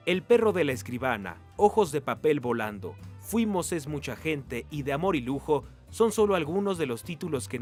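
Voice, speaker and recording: A man reading scripted news narration in a steady, formal way. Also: mid-range voice. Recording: voice-over with faint music.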